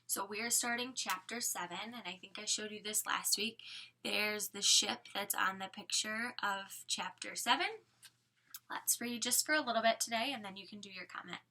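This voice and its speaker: A woman's voice: mid-range voice, moderate pace, pushed and bright. A woman teacher reading a chapter book aloud to her students with friendly, encouraging asides.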